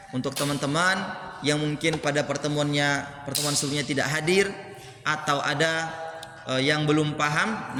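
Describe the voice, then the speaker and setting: Man, patient teacher, bright voice, roomy mosque hall, faint background hum. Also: fairly high pitch. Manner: explains patiently, repeats terms, asks the class questions. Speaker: Quran recitation teacher. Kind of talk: classroom lesson.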